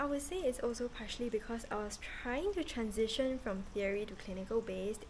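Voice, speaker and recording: A woman in her thirties from Singapore talks to a handheld camera on an outdoor porch in a chatty, earnest way, filling pauses with ums and yeahs. Her voice sits at a middling pitch for a woman. A faint outdoor ambience hums underneath. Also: a little hiss or hum, poor audio. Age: 30s. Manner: chatty, earnest, with many fillers. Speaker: vlogger, medical student. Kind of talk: casual talking-to-camera vlog. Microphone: camera held at arm's length.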